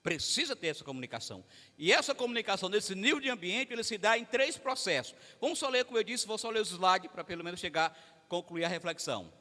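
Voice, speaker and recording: With a high, sharp, expressive voice and quick pace, a man with a Brazilian Portuguese accent preaches at a family service. His manner is conversational, speaking directly to the congregation. The recording echoes through a large church hall.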